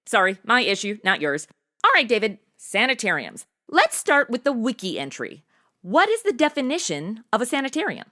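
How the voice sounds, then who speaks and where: An American woman hosts a podcast as a chatty, semi-scripted interview, speaking in a sassy, slangy, playful way. Her bright, forceful voice is a little high, with wildly swooping pitch at a normal speed.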